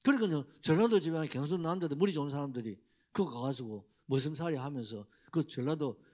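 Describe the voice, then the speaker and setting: A man's voice: a little high, quick pace, dark tone. A middle-aged man, preaching a Sunday sermon in a church and putting rhetorical questions to the congregation. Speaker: pastor. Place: church sanctuary.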